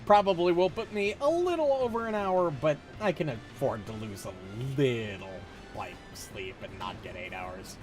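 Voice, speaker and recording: Man, game streamer, casual commentary, self-deprecating, sweary, medium pitch, faint background music. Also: animated, moderate pace.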